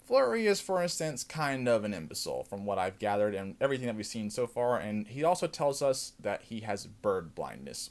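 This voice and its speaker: A man hosting his own show, casually recapping a TV episode with loose, enthusiastic commentary and plenty of fillers. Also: lowish voice. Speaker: show host.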